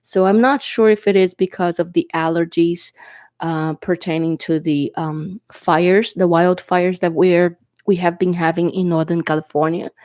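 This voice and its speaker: A fairly low, steady, darkish female voice at a moderate pace, recorded dry with clean studio sound. She is a tarot reader, a native Portuguese speaker, chatting through a casual reading to camera at an indoor table while congested and coughing from allergies or a cold. Her tone is reassuring, and she often asks "okay?".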